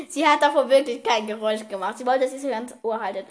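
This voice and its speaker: A teenage girl chatting casually as podcast host, giggly and teasing, talking fast. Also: a little high. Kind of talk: casual chat.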